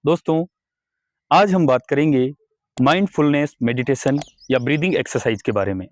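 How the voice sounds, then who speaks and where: A man leading a guided breathing meditation as yoga instructor, speaking slowly and calmly with step-by-step instructions. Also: mid-range voice. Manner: slow, calm, instructive.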